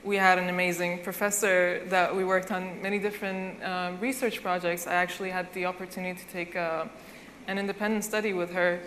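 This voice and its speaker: A woman's voice: fairly low pitch, flat delivery, brisk, fairly bright tone, a little hiss or hum. A young woman student on a panel, speaking gratefully and a little hesitantly with many fillers. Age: young adult. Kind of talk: panel discussion. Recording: hall reverb with faint ambience.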